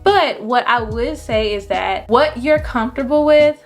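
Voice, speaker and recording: A young adult woman photographer giving casual, encouraging business advice to viewers, with lively jumps in pitch when she stresses a point. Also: a little slow, faint music behind. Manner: chatty and encouraging, animated pitch jumps on emphasis.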